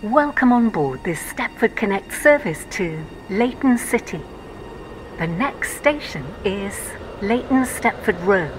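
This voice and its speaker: A woman voicing an automated onboard train announcer who reads station calls in a steady, scripted way. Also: mid-range voice, slow pace, background noise. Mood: calm.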